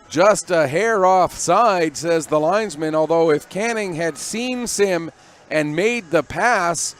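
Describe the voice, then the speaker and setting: A man calling amateur ice hockey play-by-play at a local rink, giving brisk running calls of each play. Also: high voice. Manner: brisk running play calls, rising when the action peaks. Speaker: play-by-play commentator.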